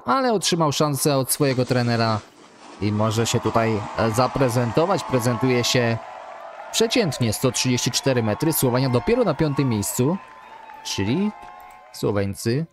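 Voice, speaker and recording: A man commentating a ski jumping game in the style of a live broadcast, calling distances and scores and getting loud and excited on good jumps. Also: medium pitch, a little slow, slight background noise. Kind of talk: sports-style play-by-play commentary.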